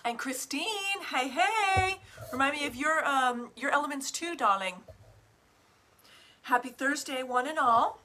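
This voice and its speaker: Speaking a little slowly in a high-pitched, expressive voice that is bright and forceful, a woman coaches on a livestream as a business coach and group host, with slight background noise. She gushes theatrically, whooping, using pet names, swearing casually, and asking "right?" or "okay?".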